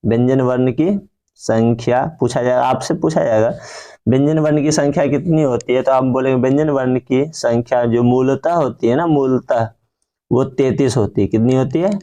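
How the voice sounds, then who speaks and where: A man's voice: medium pitch, warm tone. A man teaching a grammar lesson, who keeps asking questions and answering them himself to drill the key points. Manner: drawn-out chanting of example words.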